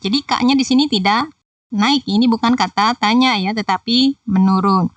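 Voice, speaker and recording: A woman's voice: a little high, moderate pace, no room sound, distant mic. A woman teaching Japanese in a patient, explanatory tutorial voice-over that talks straight to viewers. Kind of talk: screen-recorded tutorial explanation.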